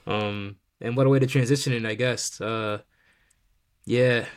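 A man's voice: mid-range voice, steady tone, measured pace, clear, resonant tone. A man hosting a casual sports podcast, talking loosely with lots of fillers and restarts. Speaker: podcast host.

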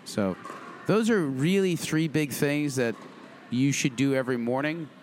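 A middle-aged man hosts a relaxed podcast, talking in an upbeat, emphatic way and repeating his points. His voice sits at an ordinary pitch for a man. A faint hiss of noise runs under the recording. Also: unhurried. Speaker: podcast host. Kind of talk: casual motivational podcast chat.

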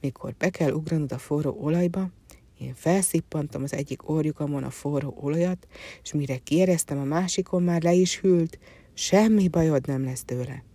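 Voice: mid-range voice, dark tone, no room sound, close to an everyday voice. A storyteller voicing a faithful talking horse. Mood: reassuring. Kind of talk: storybook reading.

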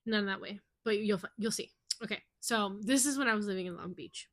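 Deadpan young woman with crude quips. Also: mid-range voice, fast, no room sound. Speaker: podcast co-host. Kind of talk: casual chat.

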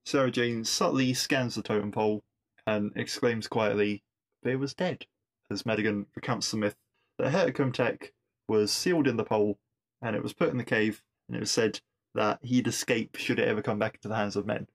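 A man's voice: fairly low pitch, fairly even intonation, brisk. A man hosting a podcast, casually recapping a TV episode with wry asides and frequent restarts. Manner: chatty, wry asides, repeats words while thinking. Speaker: podcast host reviewing episodes.

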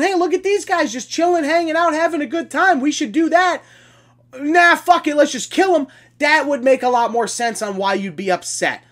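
A woman hosting a podcast, delivering a sarcastic, profanity-laced ranting monologue in a combative tone. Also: fairly high pitch. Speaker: podcast host.

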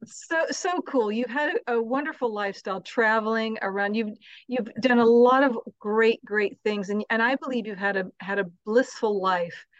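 A woman's voice: on the high side, moderate pace, no echo, muffled recording. A woman hosting a talk show interview, effusive and full of praise for her guest.

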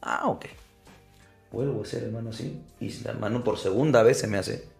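Podcast guest: young man, low gravelly voice, animated storyteller, faint music behind. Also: normal speed. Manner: animated storyteller, addresses listener as brother. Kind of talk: storytelling in casual interview.

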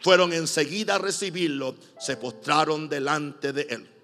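A fairly high-voiced man with a Puerto Rican accent preaching a sermon, swinging into loud emphatic bursts and light joking asides. His voice rings with a long hall reverb in a church, and soft music plays faintly underneath. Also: moderate pace, vocal fry. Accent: Puerto Rican Spanish. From Puerto Rico.

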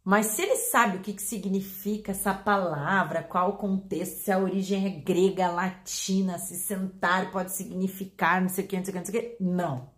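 A woman with a Brazilian Portuguese accent, a pet behavior educator explaining to her audience in an animated way, acting out examples. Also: on the low side, moderate pace, hardly any pauses. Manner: animated, acts out examples with voice changes.

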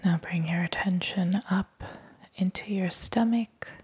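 A woman whispering a guided body-scan meditation, softly and calmly leading the listener to breathe and let go. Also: fairly low pitch, breathy edge. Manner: soft whispering throughout, calm and unhurried.

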